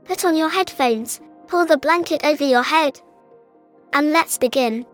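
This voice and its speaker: A woman's voice: high voice, measured pace, soft background music. A woman voicing an eerie announcer who invites the listener into an experiment.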